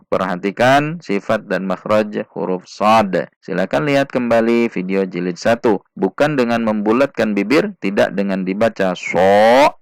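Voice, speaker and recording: Slow, gravelly-voiced male recitation teacher. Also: on the low side, no room sound, clean studio sound. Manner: patient, drawn-out syllables with chanted recitation. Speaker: Quran reading teacher. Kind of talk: slow step-by-step recitation lesson.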